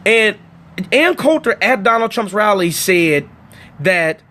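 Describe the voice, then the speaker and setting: A man hosting a casual political livestream from his phone, emphatic and animated, talking straight to his viewers. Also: high-pitched, slow. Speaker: livestream host.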